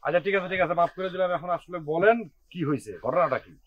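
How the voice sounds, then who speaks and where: A smug, mocking young brother-in-law. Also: male voice, high-pitched, quick pace, no room sound, muffled recording. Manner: teasing, sarcastic. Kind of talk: TV drama acting.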